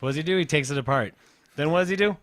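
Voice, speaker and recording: A man's voice: a little high, rapid-fire. A man co-hosting a podcast in casual chat, telling stories animatedly and acting out quotes. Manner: animated storyteller, acts out quotes. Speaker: podcast co-host.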